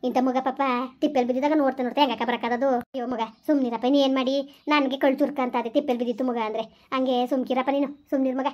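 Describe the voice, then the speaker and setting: A woman playing a soft-hearted village woman who found a baby, talking in fast, pleading chatter. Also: high-pitched, fairly even intonation, dull audio, lightly acted. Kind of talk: village skit acting.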